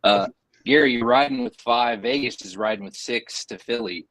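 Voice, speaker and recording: A man's voice: mid-range voice, moderate pace, a bit bright, no room sound, low-quality recording. A man hosting a sports podcast over a video call, dry and teasing as he reads out betting lines. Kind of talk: casual sports podcast chat.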